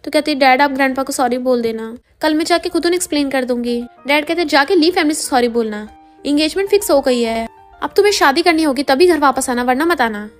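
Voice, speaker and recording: A woman narrating a drama plot in a fast, casual recap, voicing each character's lines herself with light shifts. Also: high voice, lively intonation, faint music behind. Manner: quotes every character in her own voice with light shifts.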